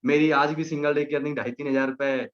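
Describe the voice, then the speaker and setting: A young man gives a motivational speech in a fairly high voice. He drives his points home with emphasis and keeps repeating his punchlines. The recording is slightly muffled and lo-fi. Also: fairly even intonation, fast. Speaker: motivational team leader.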